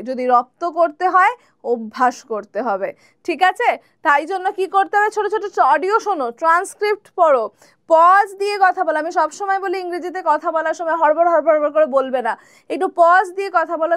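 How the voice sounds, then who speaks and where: A high-pitched woman teaches a spoken English lesson. She explains patiently, poses her own questions and answers them. The sound is close and dry. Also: fairly bright tone, dry recording.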